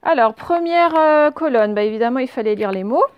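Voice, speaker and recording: Une enseignante qui fait une leçon d'orthographe pour enfants, lente et patiente, qui répète chaque mot deux fois. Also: female voice, high voice, expressive, clean tone, no room sound, muffled recording. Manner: slow, patient, repeats each word twice. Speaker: teacher. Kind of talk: spelling lesson read to children.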